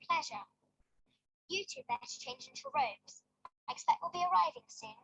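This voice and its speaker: A young actress playing a bossy, know-it-all schoolgirl witch with a crisp British accent, in a film clip. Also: extremely high pitch, very animated, unhurried, sharp tone, highs cut off, exaggerated voice. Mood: bossy, prim. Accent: British English.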